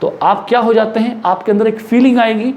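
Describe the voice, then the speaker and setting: A man's voice: high-pitched, fairly even intonation, fairly quick, darkish tone. A man with an Indian accent teaching English words in a mix of Hindi and English, repeating words and asking the viewer questions. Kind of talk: spoken vocabulary lesson in Hindi and English.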